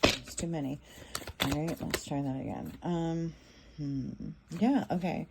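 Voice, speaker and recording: A woman's voice: low-pitched, a little slow, vocal fry, background noise. A woman giving a casual tarot reading, talking in a loose, repetitive way with many fillers and restarts. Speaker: tarot reader.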